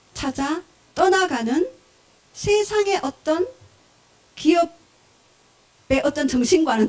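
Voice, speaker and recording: A woman pastor preaching a sermon, telling parables in an animated way, acting out short voices and asking the congregation questions. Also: high-pitched.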